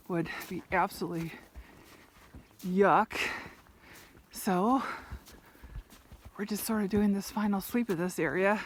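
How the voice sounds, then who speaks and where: A woman's voice: mid-range voice, a bit bright, a little hiss or hum. Chatty woman vlogging from horseback outdoors. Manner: chatty, laughs often, talks to her horse. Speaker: ranch rider vlogger. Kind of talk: casual outdoor vlog chat. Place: outdoors on horseback on open range.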